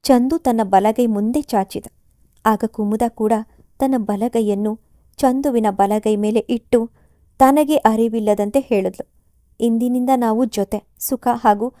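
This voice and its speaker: A woman telling an emotional story in a steady, expressive storybook reading. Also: a little high, no echo, clean studio sound. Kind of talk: storybook narration.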